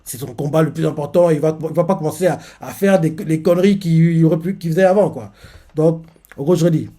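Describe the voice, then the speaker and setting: A man with a fairly high voice walks through a comic chapter, retelling each scene and stopping to comment as he goes. His speech rambles and is full of fillers and restarts. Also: quick pace, mellow. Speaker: manga reaction host.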